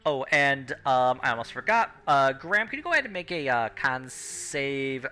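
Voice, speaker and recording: A man's voice: medium pitch, very animated, normal speed, bright, forceful tone, clean tone, faint music behind. A man running a tabletop game as game master, narrating and explaining rules casually.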